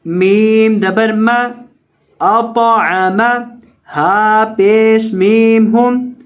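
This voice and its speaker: A man teaching Quran reading word by word. He draws out the recited words slowly and explains the reading rules quickly between them. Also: high voice, fairly even intonation. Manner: melodic chanted recitation.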